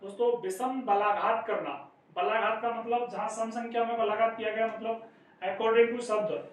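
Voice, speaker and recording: In a classroom, a man with a high, steady voice teaches an exam-prep lesson at normal speed, walking through each step and often addressing listeners as friends. The room echoes, the mic is distant, and there's faint background noise.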